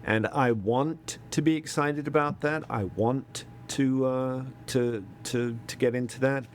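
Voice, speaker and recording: A man's voice: medium pitch, fairly even intonation, slight background noise. A middle-aged man co-hosting a podcast, chatting casually and hesitantly, with many ums and restarts. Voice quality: halting, lots of ums and repeats. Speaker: podcast co-host. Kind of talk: casual chat.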